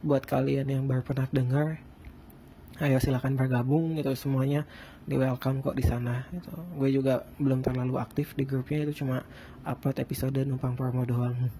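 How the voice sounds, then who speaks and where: Mellow man who can't roll his r. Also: medium pitch, little pitch movement, normal speed, slight background noise. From Bandung, Indonesia. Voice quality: lisped, non-rolled r. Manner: rambling, self-deprecating, slangy. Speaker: podcast host. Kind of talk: casual solo podcast chat.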